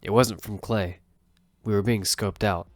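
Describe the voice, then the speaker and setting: In this first-person audio fiction, an actor plays both narrator and lead, an earnest young squad leader telling his own story. His fairly low voice is steady and measured, close to how he might talk normally. The recording is dry, with music running beneath it.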